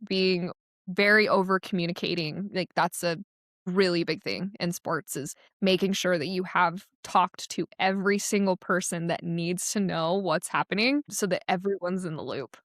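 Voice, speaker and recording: A woman's voice: fairly low pitch, normal speed, a bit bright, dry recording. Young woman, casual interview guest, laughs easily, dry studio sound. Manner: chatty, laughs often. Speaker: guest, associate director of athletics marketing.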